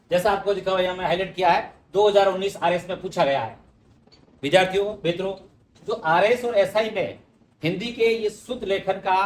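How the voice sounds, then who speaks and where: Male teacher, high voice, patient explainer, recorded from a distance in an echoey room. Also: a little hiss or hum. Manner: explanatory, addresses students directly. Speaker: Hindi teacher. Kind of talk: exam-prep spelling lesson.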